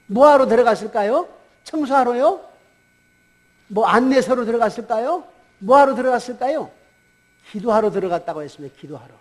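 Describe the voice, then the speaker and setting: A man's voice: very high-pitched, lively intonation, brisk, pauses often. A male pastor giving a Sunday sermon in a church, retelling a story and asking the congregation rhetorical questions. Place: church sanctuary.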